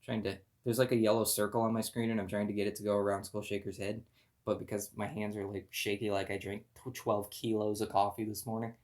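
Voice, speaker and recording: A man giving playful, excitable commentary on toy car races, with loud countdowns. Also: on the low side, a little fast. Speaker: race commentator.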